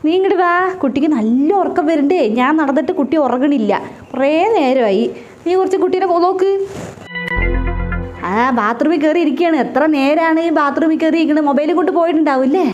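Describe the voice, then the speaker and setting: A woman's voice: high-pitched, fairly quick, darkish tone, dull audio, faint music behind, natural voice. A woman playing a dramatic, bossy older mother-in-law in a comedy sketch. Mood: fussing. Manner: dramatic, scolding and gushing by turns.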